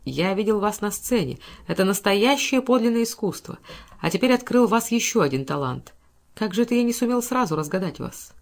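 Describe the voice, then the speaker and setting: A woman voicing a wealthy middle-aged man who speaks softly and admiringly to a young woman. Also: mid-range voice, expressive, fairly quick, vocal fry.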